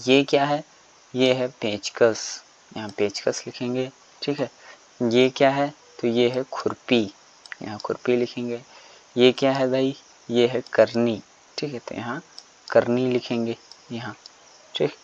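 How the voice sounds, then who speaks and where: A man teaching a textbook lesson at an even, ordinary pitch. He explains each point step by step and keeps putting questions to the class. The recording is dull and lo-fi, with faint crickets behind him.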